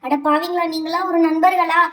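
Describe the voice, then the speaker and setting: A woman's voice: very high voice, little pitch movement, brisk, pushed and bright. A woman doing a panicky little schoolchild. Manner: panicky, pleading. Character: anxious schoolchild dreading the teacher. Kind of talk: doll pretend-play story. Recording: roomy, distant-mic home recording.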